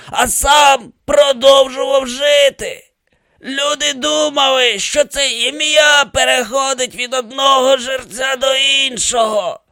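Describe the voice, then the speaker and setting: A furious dead young pharaoh in an audiobook, shrieking his accusations. The voice sits high and strained, and every word is drawn out and shouted. The recording is close and dry. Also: no room sound, heavily acted. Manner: raging, screeching accusation.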